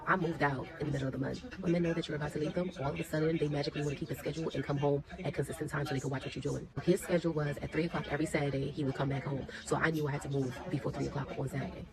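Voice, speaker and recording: Fast-talking blunt woman telling a story. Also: deep voice, gravelly, far from the mic, crowd noise, rough recording. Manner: blunt, profane, animated retelling. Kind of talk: casual storytime.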